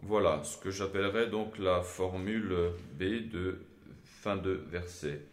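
Deep-voiced man teaching in an echoey room. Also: fairly even intonation. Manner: measured, explanatory, with frequent hesitations. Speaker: Gregorian chant teacher. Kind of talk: spoken lesson with sung examples.

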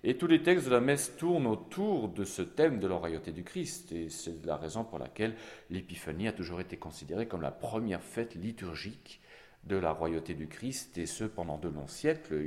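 A man teaching Gregorian chant, explaining each phrase slowly with soft fillers and singing the examples himself. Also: low voice, long reverb tail. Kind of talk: chant lesson with sung examples.

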